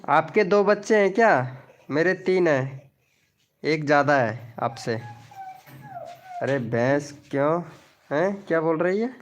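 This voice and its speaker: A man's voice: a little high, animated, takes it slowly, pauses often. A man hosting a casual live stream at home, greeting viewers and reading the chat aloud. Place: indoors at home, child beside him.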